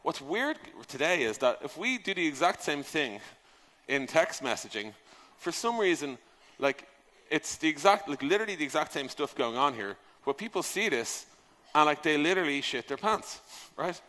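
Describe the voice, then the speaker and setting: On a big conference stage, a man with a fairly high, sharp voice gives an informal talk on software product design, very animated at a normal speed. He's conversational and emphatic, tossing out rhetorical questions and casual swearing. The hall is echoey, with a long reverb.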